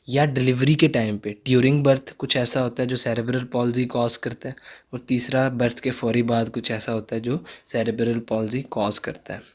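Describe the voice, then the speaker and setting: A young man giving a recorded online psychology lecture, repeating key points and telling students to take notes. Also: mid-range voice.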